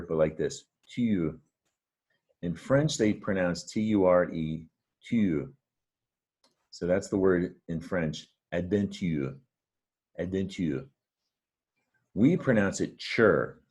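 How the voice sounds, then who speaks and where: A man's voice: a bass voice, a little mellow, slightly rough. A man teaching a reading lesson, patient and encouraging as he explains words step by step. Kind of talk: friendly reading lesson to camera.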